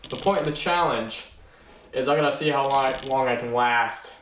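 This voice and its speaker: A man's voice: medium pitch, normal speed, fairly bright tone, slight background noise. A man hosting a challenge video with casual banter, joking and goading his friend along. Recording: echoey room, far from mic, music.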